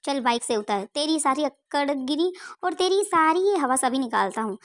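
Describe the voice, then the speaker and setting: A woman's voice: sits high, expressive, normal speed. A woman voicing an angry grown man who threatens a young harasser in a spoken story. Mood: threatening. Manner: threatening, rough.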